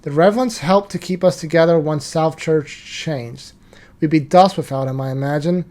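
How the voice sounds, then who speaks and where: A man reading the lines of a blunt, gruff masked woman hunter from a card game story. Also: on the high side, normal speed, darkish tone, natural voice. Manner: plain read-aloud delivery.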